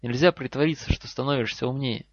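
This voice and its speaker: Мужчина озвучивает умного упрямого мальчика-волшебника, говорит напряжённо и настойчиво; запись сухая, немного глуховатая. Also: male voice, medium pitch, steady tone, fast, dry recording, close to an everyday voice. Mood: insistent. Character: clever defiant schoolboy wizard. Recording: slightly dull lo-fi recording.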